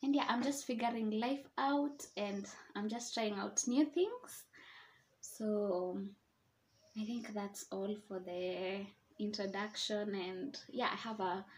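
Woman, twenties, Kenyan accent, mid-pitched voice, informal chatty podcast host, slightly hesitant personal talk. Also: darkish tone. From Nairobi, Kenya. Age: 20s. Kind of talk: casual personal introduction.

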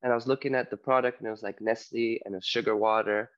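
This guest, a health coach from Canada, talks casually and loosely with many fillers in an interview over video call from his Spanish island home. He talks fast in a fairly low, steady voice, and the recording sounds muffled.

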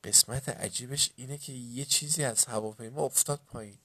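A man reading a children's story aloud in a lively way, raising his voice for the shouting in the story. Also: mid-range voice, slightly rough. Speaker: audiobook narrator.

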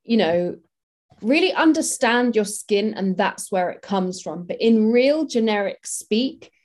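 A woman's voice: mid-range voice, lively intonation, unhurried, darkish tone. A woman, a makeup artist, talking casually and practically in an interview, with many fillers.

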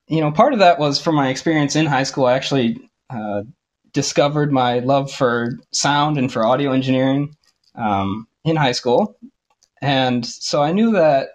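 A man in his twenties from Ohio, a podcast guest, answering in a relaxed way with frequent laughs and ums. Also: medium pitch, normal speed. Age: 20s. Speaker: guest, audio engineering tech. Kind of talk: casual interview chat.

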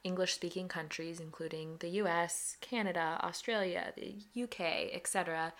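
A playful young American woman co-hosts a relaxed podcast, talking at length and laughing easily. Her voice sits a little lower than most women's. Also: normal speed. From United States. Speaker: podcast co-host. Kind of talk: casual chat.

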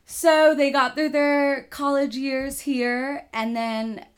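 A woman's voice: high-pitched, little pitch movement, takes it slowly. A young woman in her twenties from Texas, a guest in a casual interview, telling her family story in a rambling, chatty way.

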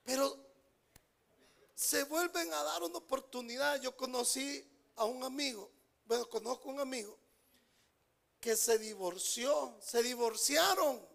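A man preaching a sermon as pastor, repeating phrases for emphasis and swinging between loud outbursts and hushed asides. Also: extremely high pitch, measured pace, creaky, long pauses.

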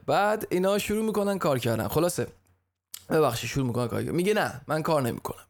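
A man's voice: medium pitch, creaky, a little mellow. A man hosting a podcast, retelling a story in a chatty, casual way, often tripping over words and restarting, with joking asides. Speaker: podcast host.

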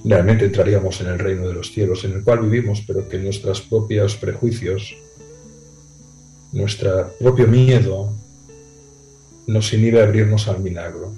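A man on a video call speaking thoughtfully with frequent pauses and tag questions. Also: lowish voice, steady tone, dark tone, reverberant, soft background music, low-quality recording. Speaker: guest. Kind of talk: reflective conversation.

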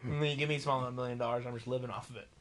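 A man's voice: mid-range voice, steady tone, very fast, a bit bright. A drunk young man co-hosting a podcast in casual chat, crude, joking and rambling. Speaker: podcast co-host.

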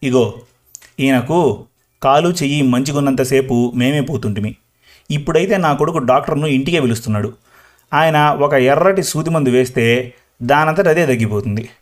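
Man playing talkative old village granny, slow and rambling, storybook. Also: mid-range voice, lightly acted. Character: chatty old village grandmother, talkative and proud. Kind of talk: storybook reading.

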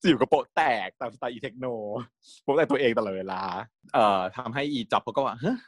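A man's voice: medium pitch, fairly quick, husky, dry recording, clean studio sound. A man retelling a series in casual, chatty talk, laughing and acting out scenes. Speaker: series recap host.

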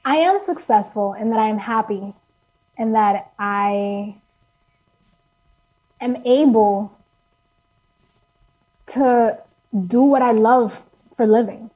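A woman's voice: fairly high pitch, takes it slowly, long pauses, dark tone, rough recording. A woman author as a podcast guest, speaking in an upbeat, earnest way and laughing easily. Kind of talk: casual interview chat.

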